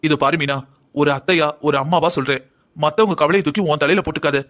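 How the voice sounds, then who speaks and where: A man's voice: high-pitched, quick pace, bright, forceful tone. A man voicing a stern older woman, a mother-in-law in a family cartoon drama, who scolds and lectures. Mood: firm advising.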